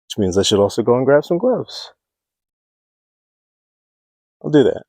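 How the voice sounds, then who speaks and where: A male homesteading vlogger keeps up casual talk during outdoor building work, his mid-range, darkish voice swinging widely in pitch at a quick pace. He thinks aloud with frequent fillers and breathes heavily, recorded on a clip-on mic close to his mouth with no room sound.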